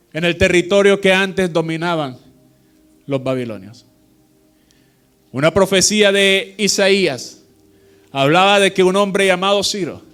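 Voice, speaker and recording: A male pastor with a high, smooth and resonant voice preaches at an unhurried pace. He reads scripture slowly and emphatically and keeps asking the congregation questions. Faint music plays behind him. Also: a bit bright. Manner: quizzes the congregation with call-and-response questions; slow, emphatic reading with drawn-out phrases. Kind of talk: sermon with scripture reading.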